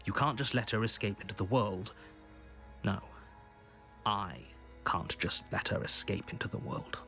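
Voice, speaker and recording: An actor playing a stern, disapproving narrator in a video game, telling the tale gravely with exasperation. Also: male voice, fairly low pitch, unhurried, sharp tone, soft background music. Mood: stern, insistent.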